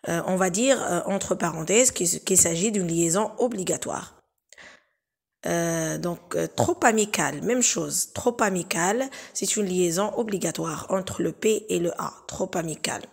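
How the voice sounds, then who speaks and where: Woman, teacher, explaining exam exercises, slow delivery, lowish voice, hesitant, repeats examples patiently. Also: creaky, darkish tone, slightly rough. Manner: hesitant, with frequent filler pauses and restarts; repeats each example phrase slowly and patiently.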